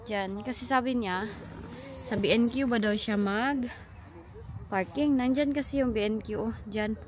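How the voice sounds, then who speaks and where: A woman's voice: on the high side, unhurried, a little mellow, a little hiss or hum. A woman vlogging while she walks her children home, chatting casually and switching between Tagalog and English. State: out of breath. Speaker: mother vlogging a walk home with her kids. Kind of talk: casual vlog chat. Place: outdoors on a street, walking.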